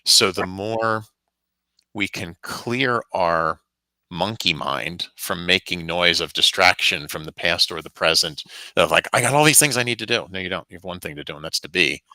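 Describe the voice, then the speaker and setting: A man giving a calm, reflective intuitive reading in easy conversation, laughing now and then. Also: sits low, a little slow, no echo, poor audio. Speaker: spiritual reader guest.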